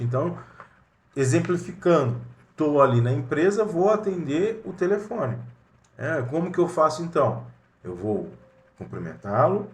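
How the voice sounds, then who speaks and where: A man's voice: mid-range voice, echoey room. A man with a Brazilian Portuguese accent giving a recorded lesson on phone customer service, talking conversationally with many fillers and acting out short phone greetings. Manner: demonstrates with brief role-played phone greetings. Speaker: teacher.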